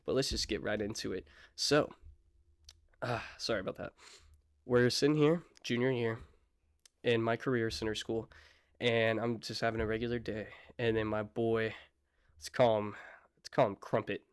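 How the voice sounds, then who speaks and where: A man's voice: on the low side, steady tone, moderate pace, long pauses, smooth, no echo, clean studio sound. A young man telling a casual storytime vlog in a slangy, laid-back way with apologetic asides. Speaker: vlogger.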